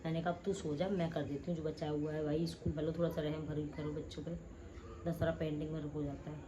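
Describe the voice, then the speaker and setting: A woman in her thirties vlogging casually at home at night, chatty and rambling, her throat slightly hoarse. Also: low-pitched, little pitch movement, fast talker, mellow, a little hiss or hum, rough recording. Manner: chatty, rambling, addresses viewers as guys. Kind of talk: casual chat to camera.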